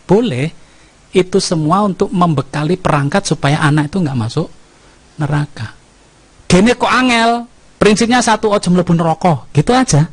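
A man with a Javanese accent preaching a humorous sermon, telling lively stories and often checking in with "ya kan?". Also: mid-range voice, husky. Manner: lively storytelling, keeps asking "ya kan?".

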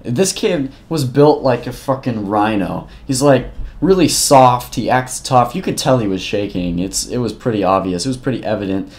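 A man's voice: mid-range voice, lively intonation, normal speed, darkish tone. A young man telling a story in a casual vlog, rambling and swearing, with frequent restarts. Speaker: vlogger.

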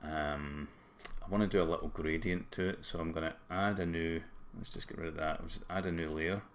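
A man with a broad Scottish accent and a groggy throat, casually thinking aloud through a screen-recorded software tutorial. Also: deep voice, steady tone, a little fast, a little hiss or hum. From Scotland. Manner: informal, thinking aloud while working. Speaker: tutorial presenter.

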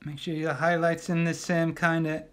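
Guy teaching a live draw-along, highish voice, chatty, lots of ums. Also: flat delivery, normal speed, fairly bright tone. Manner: chatty and encouraging, talks while painting, many ums and restarts. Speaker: illustrator teaching a live art class.

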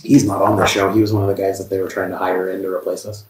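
A man who works as a camera assistant tells his side of events in a police interview room, speaking fast in a low, flat voice. He rambles, restarts often and sounds defensive, and the recording is roomy, picked up from far off the mic.

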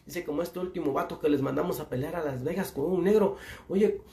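A man's voice: a little high, fairly quick, mellow, reverberant. A man with a Mexican accent telling crude jokes in folksy slang and laughing at his own punchlines. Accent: Mexican Spanish. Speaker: joke teller. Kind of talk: telling dirty jokes to a live audience.

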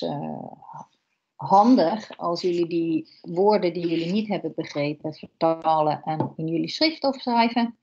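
A woman's voice: fairly low pitch, darkish tone, lo-fi sound. A woman teacher with a Dutch accent reading a German novel aloud to a class and stopping to explain words. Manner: slow, pauses to explain words.

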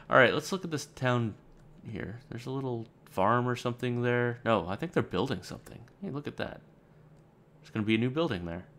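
A man's voice: medium pitch, vocal fry, fairly bright tone. A man playing a game on camera and thinking aloud, casual and rambling, with dry sarcastic asides. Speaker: let's play gamer. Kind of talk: let's play game commentary.

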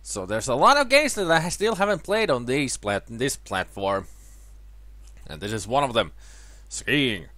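Very animated and sharp in tone, this medium-pitched man keeps a measured pace, with no room sound at all. He's in his thirties and nursing a sore throat that lowers his voice, giving rambling, self-correcting commentary over an old ski game with the occasional cheer.

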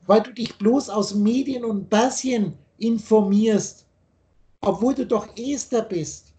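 A man's voice: high voice, takes it slowly, warm tone. A man teaching on a video call, lecturing insistently and spelling out letters as he explains. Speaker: spiritual teacher.

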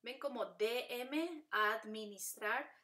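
Patient female teacher, bright tone, repetitive drilling delivery, occasional English asides. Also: medium pitch, lively intonation, unhurried. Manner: patient, repeats patterns, switches to English to explain. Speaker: Spanish teacher. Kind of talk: classroom lesson.

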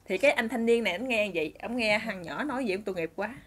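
A woman's voice: medium pitch, lively intonation, rapid-fire, breathy edge. A woman with a Southern Vietnamese accent telling a story in a chatty way, addressing her listeners directly.

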